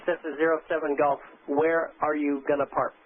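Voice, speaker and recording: A man's voice: on the high side, little pitch movement, moderate pace. A man working as an air traffic controller, giving clipped, firm instructions over a radio transmission with static bursts. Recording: tinny radio line with static.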